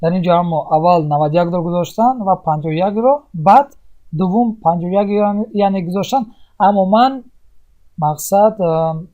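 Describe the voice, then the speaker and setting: Mellow-voiced patient recitation teacher. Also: mid-range voice, lo-fi sound. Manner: asks and answers own questions; explains step by step with many pauses. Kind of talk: tajweed lesson.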